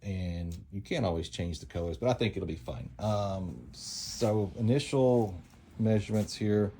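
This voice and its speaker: A man casually narrating a product test, halting as he thinks aloud. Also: on the low side, dark tone, a little hiss or hum. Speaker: off-road vehicle vlogger.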